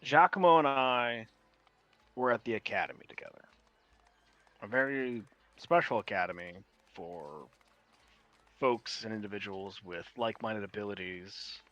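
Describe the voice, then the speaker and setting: A man with a New York accent voicing a grave, ancient male traveler from another world in a tabletop game, measured and pausing between phrases. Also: lowish voice, fairly bright tone, dry recording, muffled recording. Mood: explanatory, measured.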